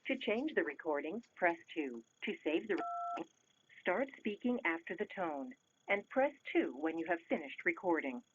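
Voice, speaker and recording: A woman's voice: fairly low pitch, sing-song. Voicemail prompt woman over a phone line. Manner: measured, clipped instructions. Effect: heard over a landline phone. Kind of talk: recorded system announcements. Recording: muffled phone line, faint hiss.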